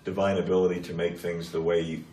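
Male political interviewer, low register, measured and piecemeal phrasing, picked up from a distance. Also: flat delivery, warm tone, slight background noise. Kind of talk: political interview, probing questions. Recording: echoey room, distant mic.

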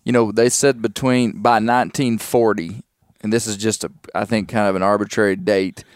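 A man's voice: on the low side, steady tone, moderate pace, no room sound, clean studio sound. A man, chatting casually as an interviewer.

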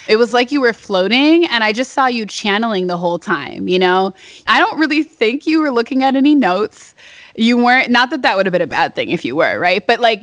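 A woman's voice: medium pitch, dry recording. A woman hosting a podcast, opening with an introduction and then chatting effusively with her guest. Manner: effusive, enthusiastic. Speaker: podcast host.

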